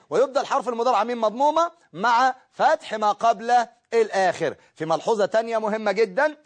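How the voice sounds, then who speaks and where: A man with an Egyptian Arabic accent teaching an Arabic grammar lesson, explaining step by step and checking in with his students. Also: extremely high pitch.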